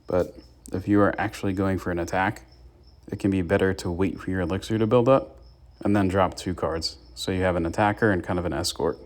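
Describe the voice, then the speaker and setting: A man's voice: deep voice, steady tone, brisk. A young man giving casual gameplay commentary and tips to his viewers as the channel's host. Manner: chatty, gives tips to viewers. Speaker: gaming YouTuber.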